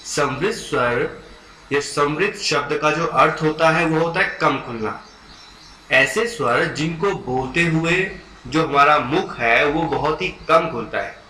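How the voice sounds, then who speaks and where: In an exam-prep lecture, a man teaches Hindi grammar with patience, going slowly, repeating key terms, sounding out vowels for his students and checking in with "ठीक है". His voice is fairly high, bright and forceful. The room is echoey, with faint background noise.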